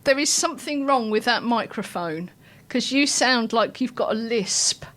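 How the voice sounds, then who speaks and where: This is a high-pitched woman hosting a casual radio chat. She talks in a giggly, friendly, self-deprecating way and keeps the talk moving. Her voice sits well above the usual range for a woman. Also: animated, moderate pace, a bit bright. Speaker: radio show host.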